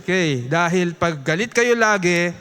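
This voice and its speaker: A man with a Filipino accent teaching a Bible study, lively and chuckling, switching between English and Tagalog and prompting the congregation. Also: high voice, a little slow, clear, resonant tone. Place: church.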